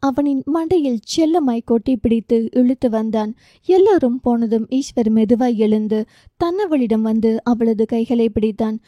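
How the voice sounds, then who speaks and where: A woman's voice: a little high, moderate pace, warm tone, no room sound, clean studio sound. A woman narrating a romance novel audiobook, reading with feeling and giving each character their own voice. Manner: emotive, voices dialogue with feeling.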